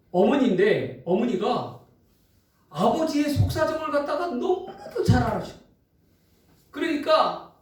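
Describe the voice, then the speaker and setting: A man preaching a sermon as pastor, telling a story in an animated, emphatic way, in a church. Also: sits high. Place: church sanctuary. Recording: echoey hall, distant mic.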